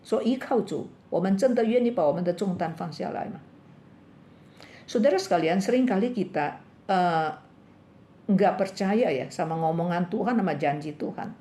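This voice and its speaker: A woman preaching a sermon at a church women's fellowship, telling a story and acting out the characters' cries in a higher voice. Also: normal speed. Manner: lively storytelling, acts out the characters' cries with raised pitch. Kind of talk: bilingual sermon with illustrative story. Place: church meeting room.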